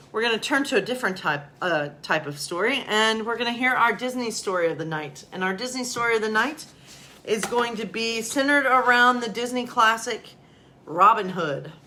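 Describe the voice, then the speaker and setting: A woman pastor speaks at normal speed in a slightly high, expressive voice that is bright and forceful, with slight background noise. She chats informally and a bit ramblingly to listeners as friends and reads bedtime stories for children.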